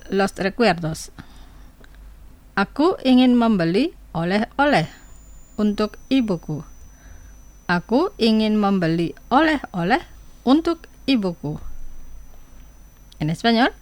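A woman presenting a scripted radio language lesson, speaking slowly and carefully and saying each word twice. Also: a little high, sing-song, no echo.

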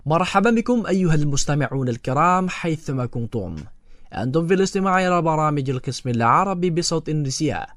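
A man's voice: fairly high pitch, expressive, fast, a bit bright, no room sound, studio quality. A man presenting a scripted radio program as its host.

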